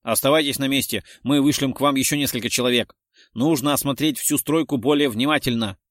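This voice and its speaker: A man's voice: mid-range voice, brisk, fairly bright tone, dry recording, studio quality, natural voice. A man voicing an irritable police commissioner who barks orders, in an audiobook reading. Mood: commanding. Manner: barking orders.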